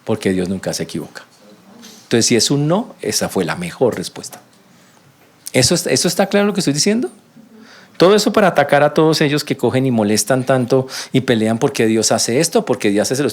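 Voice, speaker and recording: A man preaching a sermon in a mid-range voice. He acts out quoted prayers by jumping up in pitch, then sinks low and quiet for the humble ones. The delivery is lively and conversational, as a pastor talking to his congregation. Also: a little fast.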